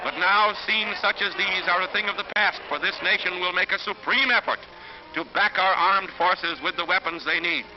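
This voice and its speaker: A man with a high-sitting, steady voice delivers dramatic, emphatic 1940s newsreel narration at a moderate pace against a noisy background. The old film soundtrack is dull and lo-fi, with music.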